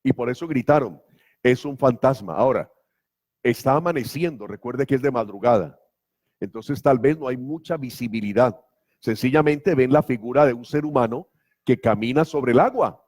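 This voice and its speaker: A man's voice: medium pitch, normal speed, a little mellow. A man preaching a sermon as pastor, emphatic and full of rhetorical questions. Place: church.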